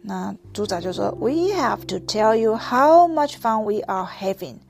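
A woman's voice: medium pitch, animated, unhurried, vocal fry, soft background music. A woman voicing a bubbly, playful young pig from a picture book, talking eagerly. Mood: cheerful.

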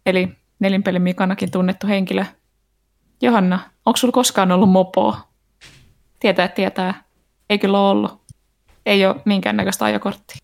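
A woman co-hosting a casual podcast chat, soft-spoken and easily moved. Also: mid-range voice, gravelly. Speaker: podcast co-host.

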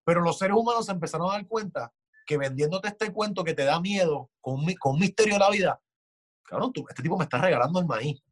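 Man, fairly high voice, heated casual talk with frequent swearing. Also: animated, quick pace. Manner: passionate, swears often, acts out quoted voices. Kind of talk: casual chat.

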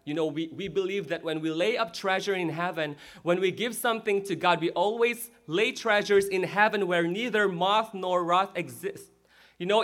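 A male pastor giving a lively sermon in a church and checking in with the crowd as he goes. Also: sits high.

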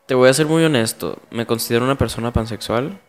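A man's voice: medium pitch, fast talker, long reverb tail. Mexican man telling a blunt, slangy story. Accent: Mexican Spanish. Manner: blunt, slangy, emotional retelling. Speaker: guest. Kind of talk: casual storytelling in an interview.

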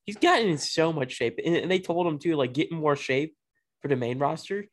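A man co-hosting a casual podcast chat, playful and quick to riff on a joke. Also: on the high side. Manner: lively, playful, riffs on bits. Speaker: podcast co-host.

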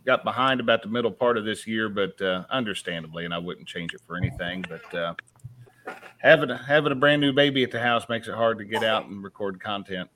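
A man chatting on a live stream, laid-back and halting, with many fillers. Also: on the low side, pushed and bright, a little hiss or hum. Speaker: guest channel creator. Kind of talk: casual live stream chat.

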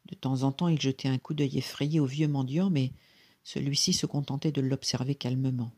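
A narrator reading a folk tale aloud in an even, gentle storytelling manner. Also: medium pitch, moderate pace.

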